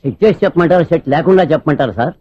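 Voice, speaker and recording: A man's voice: fairly high pitch, rapid-fire, husky, dull audio. An actor playing a bumbling, earnest young man who wants to act in films and whose speech is slurred by a denture set, speaking politely and eagerly. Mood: eager, sheepish. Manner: polite, eager, keeps saying sir. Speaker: aspiring film actor.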